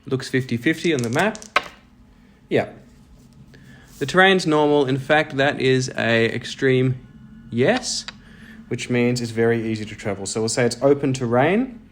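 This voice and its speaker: A man speaks at a measured pace with long pauses in a medium-pitched voice, against slight background noise. Hosting a solo role-playing audio show, he alternates narrated story with casual game talk, thinking aloud as he plays and undercutting himself with self-deprecating comments.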